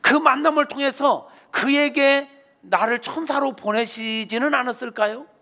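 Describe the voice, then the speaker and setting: A male pastor preaches a sermon with a high, bright and forceful voice. He tells stories in an animated way, acting out the people in them. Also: normal speed. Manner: animated storyteller, acts out voices. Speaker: senior pastor.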